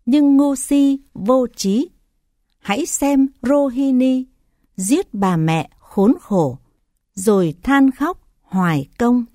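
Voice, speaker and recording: A solemn, wise male teacher, voiced by a woman reading a scripture tale recites his teaching in a measured way. His delivery is slow and his tone mellow. The recording is dry and close. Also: a little high, animated, no room sound, pitched above the performer's own voice.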